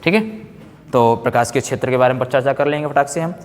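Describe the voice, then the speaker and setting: Speaking fast in a medium pitch, a male teacher runs a classroom physics lecture for students preparing for exams. He repeats phrases, checks understanding with questions, and mixes in English technical vocabulary, all in a room with long, echoing reverb.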